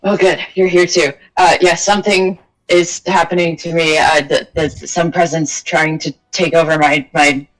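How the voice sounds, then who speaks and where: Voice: medium pitch, flat delivery, fairly bright tone, close to an everyday voice, low-quality recording. A player voicing a frightened young woman in a tabletop game who halts and stammers as something takes over her mind. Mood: scared. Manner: halting and anxious.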